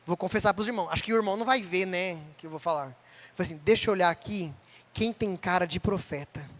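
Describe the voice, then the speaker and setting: A young man preaching in church, who tells his testimony in an animated way and acts out each person he quotes. His voice sits very high for a man and has a bright, ringing edge. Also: quick pace. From Brazil.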